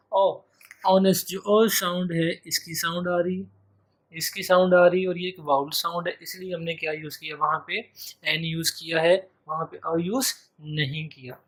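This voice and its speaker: A man's voice: high voice, level tone, normal speed, a bit bright. A man giving an exam-prep grammar lecture, repeating key phrases and stretching out his example words. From Pakistan. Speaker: English teacher.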